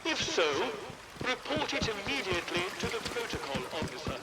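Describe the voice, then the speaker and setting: A stern official over a loudspeaker. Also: male voice, high voice, sing-song, a little fast, very noisy. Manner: formal, commanding announcements. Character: stern male official issuing curfew warnings. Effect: public address loudspeaker. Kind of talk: video game announcement.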